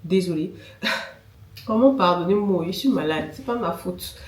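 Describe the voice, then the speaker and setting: Her voice fairly low and her pace measured, a young woman vlogs casually while nasal and congested from a cold, filling gaps with filler sounds. She is a vlogger and semi-pro handball player, picked up by a distant mic in an echoey room with music behind.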